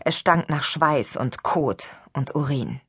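A woman reading an audiobook in steady, even scripted narration. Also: deep voice, slow, breathy edge, no echo, studio quality. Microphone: studio microphone.

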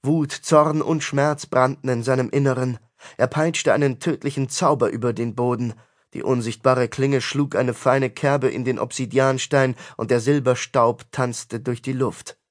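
Man, audiobook narrator, fantasy story, measured, dramatic, mid pitch. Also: fairly even intonation.

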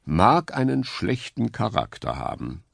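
A man's voice: fairly low pitch, sing-song, unhurried, creaky, no echo, studio quality, full character voice. A man voicing a sensible male beaver in a children's audiobook, speaking matter-of-factly. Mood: calm.

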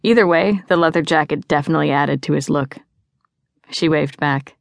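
A woman narrating a teen novel in an even, lightly voiced storytelling manner. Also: low-pitched, normal speed, vocal fry, no room sound. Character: level-headed teenage girl Bria, the heroine. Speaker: audiobook narrator. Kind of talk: scripted narration. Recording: dry studio booth.

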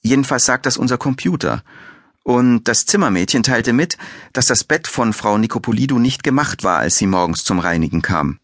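A man's voice: mid-range voice, expressive, moderate pace, fairly bright tone, dry recording, clean studio sound. Man voicing a stiff offended hotel director. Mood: formal. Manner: formal, slightly annoyed.

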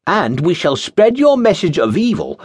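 A man voicing a nervous young cultist, pitched high and talking in a hurried, high-strung way. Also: huge pitch swings, husky, no echo, clean studio sound, heavily acted. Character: nervous young male cultist edging away.

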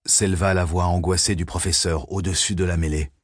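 A man narrating a thriller audiobook in a measured, suspenseful reading. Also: deep voice, fairly even intonation, no echo, studio quality.

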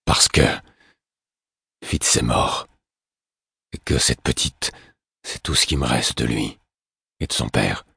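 A hoarse, grieving older man , as a male narrator puts him on murmurs slowly in a very deep, husky voice. The audiobook recording is dry and close. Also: bright, forceful tone, no room sound, full character voice. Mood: weary, grieving. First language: French. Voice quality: hoarse, heavy-hearted. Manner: slow, low, murmured. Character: weary grieving older man, gruff stable master.

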